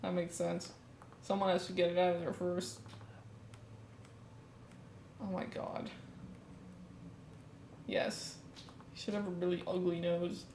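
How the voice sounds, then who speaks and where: A woman's voice: lowish voice, flat delivery, slow, long pauses, a little mellow. A woman with a nasal voice, joking and laughing in casual livestream chat. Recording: roomy, faint background noise.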